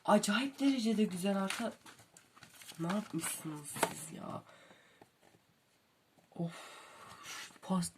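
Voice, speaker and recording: A young woman filming a book unboxing at home, gushing over each detail she finds. Her voice sits at an ordinary middle pitch. A clear layer of background noise runs under her voice. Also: animated, takes it slowly. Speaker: book vlogger.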